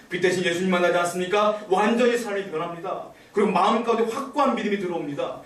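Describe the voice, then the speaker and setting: A male pastor preaching a sermon in a church, asking the congregation rhetorical questions. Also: high-pitched. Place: church sanctuary. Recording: echoey church room, voice from far off.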